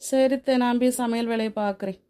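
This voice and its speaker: Cartoon, woman playing a grumbling young daughter-in-law, mellow voice, a bit high. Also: fairly even intonation, brisk, clear, resonant tone, close to an everyday voice. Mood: sarcastic. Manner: mutters sarcastic asides.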